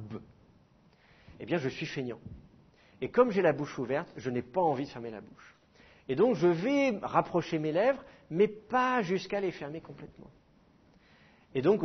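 A man's voice: on the high side, slightly rough, lo-fi sound. A middle-aged man teaching a class, explaining with demonstrated sounds and self-mocking humor. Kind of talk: classroom lecture.

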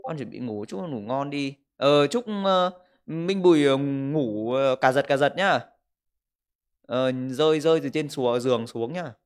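A man in his 20s livestreams from a room at home, cracking crude jokes as he reads viewer comments into a desk microphone. His mid-range voice moves a little slowly through the casual chat.

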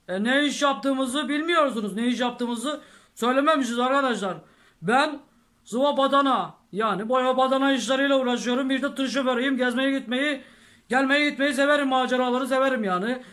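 Rambling vlogger man, very high and bright voice, swears oaths constantly. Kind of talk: casual storytelling to camera.

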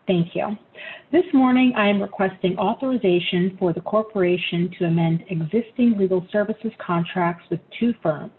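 A woman presenting an agenda item over a teleconference line in a steady, businesslike way. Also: fairly low pitch. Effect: heard over a teleconference line. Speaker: staff presenter. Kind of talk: formal scripted presentation. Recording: tinny phone-line sound, faint noise.

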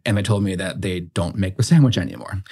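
A young man from Bermuda, a podcast guest, telling stories in a relaxed way, full of "like" and "um". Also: low voice, quick pace, slightly rough. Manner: relaxed storytelling, heavy use of "like" and "um". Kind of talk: casual conversational interview.

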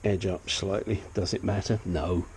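An older hobbyist, nose sniffly, gives a frank, chatty, self-deprecating tour of his engine work in his crowded home garage. He speaks at a normal speed in a low, steady, darkish voice, with a bit of hiss or hum in the recording.

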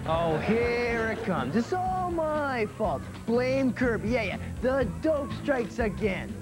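A man's voice: extremely high pitch, big pitch swings, takes it slowly, over loud music, heavily acted. An actor playing a hapless young man who mocks himself, in a sitcom. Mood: sheepish. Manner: sheepish, self-mocking. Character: hapless, self-mocking young diner cook. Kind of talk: sitcom acting.

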